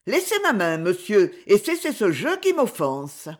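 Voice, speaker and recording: A woman's voice: mid-range voice, huge pitch swings, measured pace. A woman voicing a betrayed, indignant young woman in a read-aloud novel, with emotional, outraged delivery. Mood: pleading. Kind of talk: audiobook character voice.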